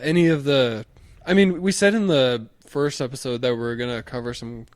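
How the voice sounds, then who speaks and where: A man's voice: mid-range voice, no room sound. A young man co-hosting a podcast, rambling easily with lots of restarts. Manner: rambling, halting restarts, easygoing. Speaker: podcast co-host. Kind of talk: casual chat.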